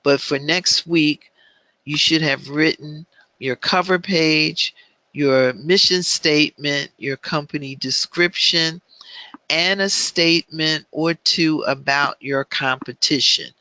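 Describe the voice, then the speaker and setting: A man teaching an online business planning class, speaking in a measured way with frequent filler ums. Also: fairly high pitch, fairly even intonation, pushed and bright, no echo.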